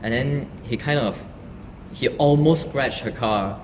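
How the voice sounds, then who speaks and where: A man guest in a casual chat, telling his views in a halting, self-correcting way. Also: mid-range voice. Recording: reverberant room with noticeable noise.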